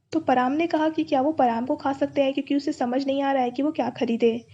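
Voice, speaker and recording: Woman recap narrator, high and mellow voice, steady scripted delivery, dull lo-fi recording. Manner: steady storytelling, reads all dialogue in the same voice. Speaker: channel host narrating drama recaps. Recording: dull lo-fi sound.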